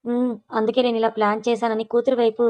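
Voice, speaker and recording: A woman's voice: fairly high pitch, flat delivery, fast, darkish tone, dull audio, lightly acted. A woman storyteller voicing a scheming middle-aged mother who slyly confides her plans.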